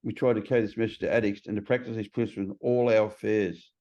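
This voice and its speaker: A man's voice: on the low side, fairly even intonation, fast, darkish tone. A man in casual conversation, speaking bluntly and swearing freely as he acts out other people's voices. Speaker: podcast host. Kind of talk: casual chat. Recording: slightly dull lo-fi sound.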